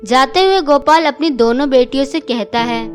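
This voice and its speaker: High-voiced woman narrating a cartoon story. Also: normal speed, faint music behind.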